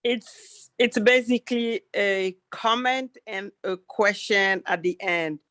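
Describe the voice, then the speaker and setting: A woman, joining an online town hall from the audience. She speaks slowly and earnestly, with heartfelt emphasis. The sound is close and dry, with no room echo. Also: medium pitch, fairly even intonation, a bit bright. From Cameroon. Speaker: audience member. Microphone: video call.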